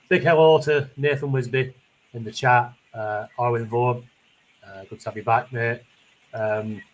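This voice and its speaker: A man's voice: medium pitch, a bit bright, rough recording. A man with a Lancashire accent hosting a casual podcast, sitting in a conservatory in heavy rain. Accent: Lancashire English. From Lancashire, northwest England. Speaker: fantasy football podcast host.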